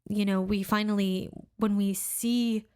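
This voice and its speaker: A woman's voice: mid-range voice, fairly even intonation, a little slow, warm tone, clean tone. Chatty woman podcast co-host. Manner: chatty, laughs often, many "like"s and "you know"s. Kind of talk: casual chat.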